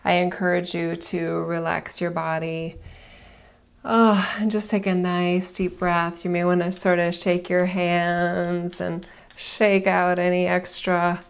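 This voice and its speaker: A woman with a creaky voice hosting informal spiritual talk and guided meditation, gently instructing and soothing, with small asides to her listeners. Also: on the low side, little pitch movement, slow. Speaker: spiritual guide and podcast host.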